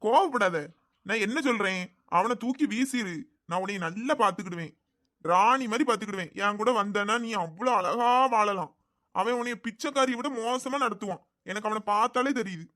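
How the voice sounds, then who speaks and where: A man's voice: sits high, a little fast, sharp tone. A man voicing a possessive, scheming young groom in a cartoon, with a Thoothukudi Tamil accent and an insistent way of talking. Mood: coaxing. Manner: pleading then menacing, insistent. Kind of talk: cartoon voice acting.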